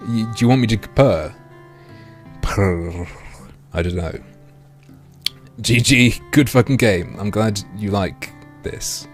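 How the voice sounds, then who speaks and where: Man, very low voice, livestream headset mic, crude deadpan jokes, faint music behind. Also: takes it slowly, long pauses. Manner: crude, joking, deadpan boasts. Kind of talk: casual livestream chat and reading a game aloud.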